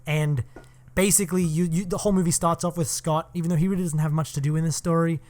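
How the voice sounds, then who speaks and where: A man's voice: on the high side, steady tone, fast, a little mellow. A man co-hosting a film podcast, giving long, opinionated critiques in casual talk and swearing often.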